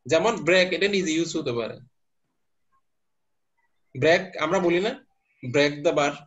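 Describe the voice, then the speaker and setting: A male teacher lectures his class with a slightly higher voice than most men. He works through each point step by step and keeps stopping to quiz his students. The recording is dull and lo-fi. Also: unhurried, a bit bright. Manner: explains step by step, quizzes students. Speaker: university teacher. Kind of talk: lecturing class, mixing English terms.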